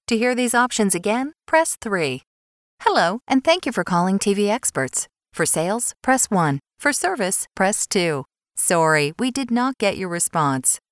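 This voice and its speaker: A woman's voice: mid-range voice, no echo, studio quality. A woman reading automated phone menu greetings and prompts in a courteous, polished way.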